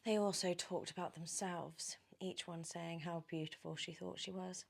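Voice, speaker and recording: A British-accented woman reads a children's story ASMR-style, animated and frequently slipping into whispers. Her voice is fairly low with vocal fry, at a moderate pace.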